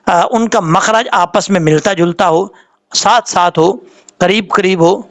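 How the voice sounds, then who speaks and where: A man with a high voice gives a tajweed lesson, sounding out each letter and vowel mark slowly and deliberately. He stretches the recited words out long and switches back to a patient, explaining tone between them. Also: fairly bright tone. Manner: slow, deliberate syllable-by-syllable spelling, with drawn-out recited examples. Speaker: Quran recitation teacher.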